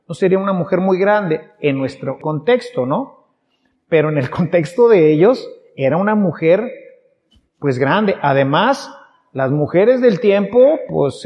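Man preaching, mexican accent, high voice, chatty sermon, long hall echo, dull lo-fi sound. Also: a little mellow. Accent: Mexican Spanish. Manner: conversational, acts out little quoted scenes.

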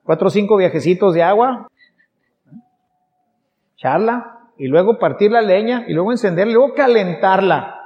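A man's voice: high voice, expressive, normal speed, pauses often. A man with a Mexican accent preaching a sermon in a casual, conversational way, acting out little everyday scenes. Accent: Mexican Spanish. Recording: dull sound with long hall reverb.

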